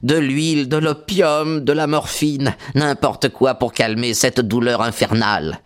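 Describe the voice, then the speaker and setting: A man's voice: medium pitch, fairly even intonation, a little slow, pitched above the performer's own voice, lightly acted. A man reading an audiobook, voicing a young man in agony who cries out for relief. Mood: agonized. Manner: crying out in pain.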